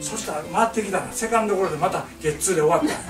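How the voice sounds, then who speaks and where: A man's voice: high voice, racing, reverberant, far from the mic, music in the background. An older man with a Kansai accent telling a comic family story, acting out voices and laughing through his lines. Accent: Kansai Japanese. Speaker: painter telling stories to a small audience.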